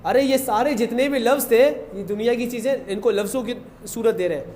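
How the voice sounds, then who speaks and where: A male Urdu lecturer with a Pakistani accent explaining a poem to a class, reciting verses slowly and quizzing students with questions. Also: extremely high pitch, a little mellow, a little hiss or hum.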